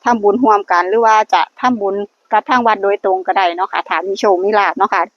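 A woman's voice: medium pitch, steady tone, fast, no echo. A woman with an Isan accent giving blessings and luck advice to her viewers at a temple, earnestly addressing them as brothers and sisters. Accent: Isan (Northeastern Thai). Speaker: vlogger guiding lottery luck prayers. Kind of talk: casual blessing-filled vlog talk. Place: temple grounds. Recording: dull lo-fi recording with faint noise.

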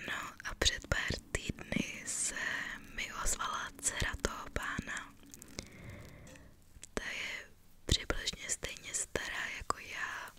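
Brief: young Czech woman, whispered walking vlog, fully unvoiced hush, outdoors in a forest, body-worn camera. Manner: chatty, gentle storytelling while walking a dog. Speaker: ASMR vlogger. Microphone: body-worn camera while walking.

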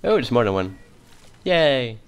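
A man's voice: medium pitch, sing-song, a little slow, clear, resonant tone. A man hosting a casual co-op gaming session, joking and laughing often. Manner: giggly, jokey, laughs often. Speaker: let's play host.

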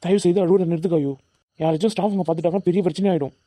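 A man's voice: sits high, fairly even intonation, racing, dark tone, no room sound, lightly acted. A man voicing an earnest young college student. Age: young adult. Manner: reassuring, pleading. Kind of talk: animated cartoon dubbing.

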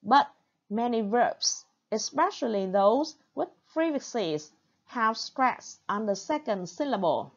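Slow, careful Vietnamese-accented woman teacher. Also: on the high side, expressive, lo-fi sound. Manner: explains in English, then repeats in Vietnamese. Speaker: English teacher. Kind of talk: online classroom lesson.

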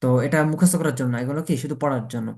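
A man's voice: on the high side, darkish tone. Man teaching letter sounds. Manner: explains each letter slowly, asks and answers his own questions. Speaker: language teacher. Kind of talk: Italian pronunciation lesson taught in Bengali.

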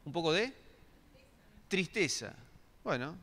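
A very animated middle-aged pastor speaks slowly in a fairly high, sharp voice, asking the congregation questions during his sermon and restarting many times. The church hall gives the recording a long reverb.

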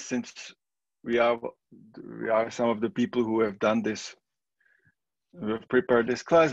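A middle-aged man from the Czech Republic with a Czech accent, giving a relaxed, conversational recorded statistics lecture. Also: medium pitch, no echo, lo-fi sound. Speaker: statistics professor.

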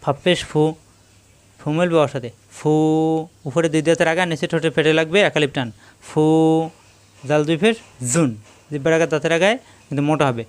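A man teaching Quran recitation, spelling words letter by letter and drawing out the joined words slowly in a patient, repetitive drill. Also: a little high. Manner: spells syllables letter by letter, then draws out whole words slowly. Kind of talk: slow spelling-out tajweed lesson.

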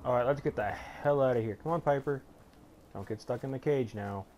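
A man's voice: medium pitch, brisk, dull audio, slight background noise. A young man commenting casually on his gameplay, rambling, muttering to himself and swearing often. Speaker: let's play gamer.

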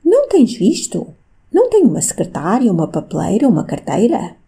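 A woman's voice: mid-range voice, huge pitch swings, fairly quick, creaky, warm tone, slightly rough, exaggerated voice. A woman voicing an anxious, desperate countess in an audiobook, her pleas urgent and dramatic. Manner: pleading, urgent, dramatic reading.

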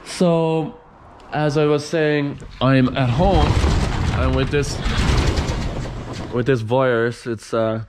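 A young man giving a relaxed, chatty vlog tour of his workshop, filmed on a handheld camera at arm's length. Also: fairly low pitch, noisy background. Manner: relaxed, chatty, lots of fillers. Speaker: vlogger. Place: large indoor workshop garage.

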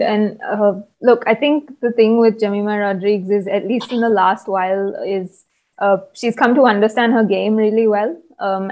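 Young woman analyst, flat measured delivery. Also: mid-range voice. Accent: Indian English. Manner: measured, analytical, with frequent ums. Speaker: cricket analyst. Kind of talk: post-match video call discussion. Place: small room indoors. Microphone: earphone mic on video call.

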